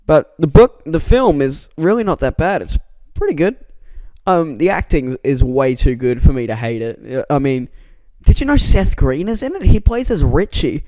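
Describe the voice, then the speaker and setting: A man's voice: on the high side, lively intonation, normal speed, dark tone, no echo. A man talking in a rambling, self-deprecating vlog monologue, often stammering and restarting words, recorded on a close microphone that pops on plosives. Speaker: vlogger. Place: indoor room. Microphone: close mic with plosive pops.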